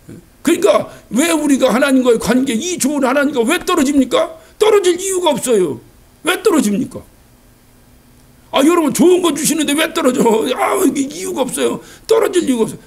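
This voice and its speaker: A male pastor delivering a Sunday sermon in a church, animated, asking rhetorical questions and acting out quotes. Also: very high-pitched, gravelly, breathy edge. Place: church sanctuary.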